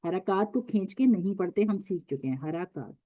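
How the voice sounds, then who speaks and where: A woman teaching Quran recitation in an online lesson, patient and repetitive, stretching letter sounds slowly to show them. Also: medium pitch, expressive, dry recording, dull audio.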